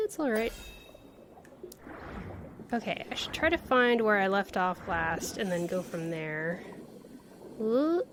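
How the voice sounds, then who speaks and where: A woman with a medium-pitched voice livestreams a video game, thinking aloud with playful exclamations. Game music plays behind her, along with a little background noise.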